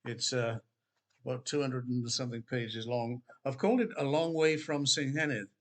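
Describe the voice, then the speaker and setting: An older man speaks in a relaxed, meandering way. He fills his talk with ums and restarts, like an author talking about his own work. His voice sits at an ordinary middle pitch. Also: normal speed. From Wales. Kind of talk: casual spoken book promotion. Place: Queensland, Australia.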